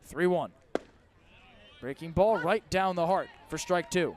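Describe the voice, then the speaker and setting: A man with a high voice calls baseball for live radio at an outdoor ballpark, unhurried, with slight background noise. His descriptions come in clipped phrases that swell with the play.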